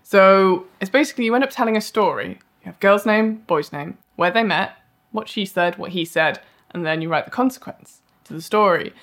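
A woman's voice: medium pitch, animated, a little fast, fairly bright tone. A woman co-hosting a podcast in casual chat, rambling with self-mocking asides. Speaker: podcast co-host. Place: live event venue.

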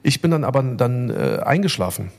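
A middle-aged man talks in a loose, rambling way, full of fillers and restarts. He tells his story with open emotion. His pitch sits in the middle of the range. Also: sing-song, normal speed, gravelly. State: recovering from illness. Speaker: podcast co-host. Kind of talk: casual chat.

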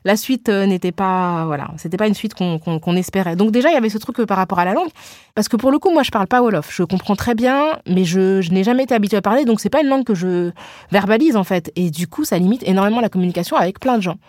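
A woman's voice: medium pitch, quick pace, a little mellow, no room sound, clean studio sound. A young woman talking candidly in a casual chat, telling personal stories with many fillers.

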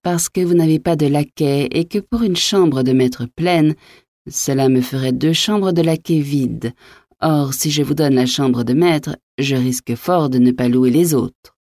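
An unflappable innkeeper answers with cool, mocking insolence, voiced by a woman reading an audiobook. His tone is low and mellow, recorded close and dry. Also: measured pace, no room sound. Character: impertinent, phlegmatic male innkeeper, mocking.

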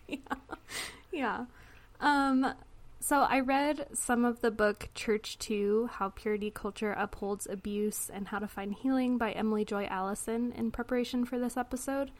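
A woman hosting a podcast in a casual, chatty way, laughing often and filling pauses with "um". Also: fairly high pitch, fairly even intonation. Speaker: podcast host.

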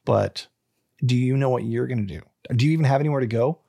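Gravelly, husky male podcast host. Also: medium pitch, fast, mellow, no echo, clean studio sound. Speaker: true crime podcast co-host. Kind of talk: casual chat with scripted intro narration.

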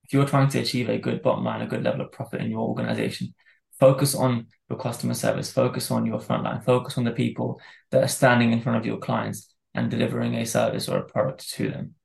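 A man who grew up in Dubai, a managing director speaking as a podcast guest in a reflective, earnest and steady way. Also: mid-range voice, quick pace, vocal fry, echoey room. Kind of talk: conversational podcast interview.

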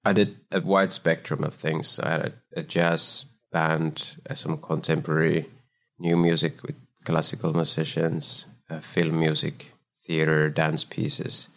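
A Finnish man, a founder and composer, telling his story in a thoughtful, measured way in a relaxed interview. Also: extremely low pitch, creaky. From Finland. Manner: thoughtful, measured, loose phrasing. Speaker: guest, startup founder and composer. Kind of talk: casual interview chat.

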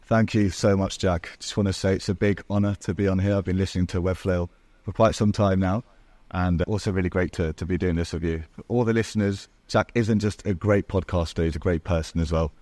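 Low-voiced man with an English accent. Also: steady tone, a little fast, darkish tone, no room sound. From southern Spain. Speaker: guest, agency owner. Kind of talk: podcast interview.

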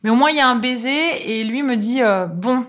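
A woman's voice: on the high side, expressive, moderate pace, a bit bright. A middle-aged woman telling a personal anecdote in a casual, chatty way, full of fillers and acted-out bits of dialogue. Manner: chatty, many fillers, acts out quoted dialogue. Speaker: storyteller recounting a personal anecdote.

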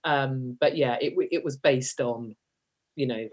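A woman's voice: rumbling low, a little slow, a little mellow, husky. A woman, a guest telling personal stories in a chatty, self-mocking way and laughing often. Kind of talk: candid personal storytelling.

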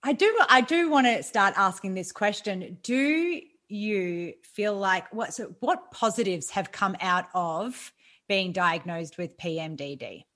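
A woman hosting a podcast, asking an interview guest gentle, reflective questions. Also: mid-range voice, animated, unhurried. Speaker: podcast host.

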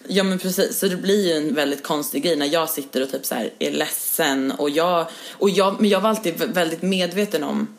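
Lowish-voiced young woman telling a story. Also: hardly any pauses. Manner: lively storyteller who acts out her own quotes, full of fillers. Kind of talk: casual chat.

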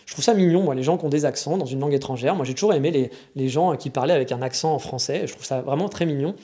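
A man's voice: on the high side, fast, mellow. A man from France with a French accent, talking in a rambling, frank, slangy casual monologue. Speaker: vlogger living in Japan.

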